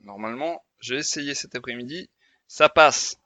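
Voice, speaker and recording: A man's voice: medium pitch, moderate pace, pushed and bright. A man co-hosting a casual podcast, explaining hesitantly with fillers. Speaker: podcast co-host.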